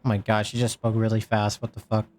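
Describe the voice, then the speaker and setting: A man's voice: fairly low pitch, monotone, quick pace, a little mellow, slight background noise. A man streaming a video game, making casual, sarcastic, cursing commentary.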